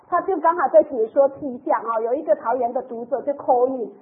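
This woman's faith testimony comes at a brisk clip, her high voice heartfelt and conversational, with gentle particles closing her sentences. She's a church member, and the sound has the tinny, narrow quality of a phone line broadcast over radio.

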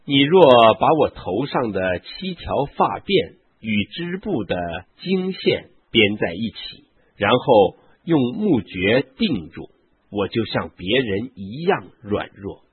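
A man reading the lines of a mighty strongman in a scripture story, earnest and solemn, in a very husky voice over a tinny phone-like line. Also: on the low side, big pitch swings, slow pace, heavily acted. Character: mighty captive strongman Samson, weary and defiant.

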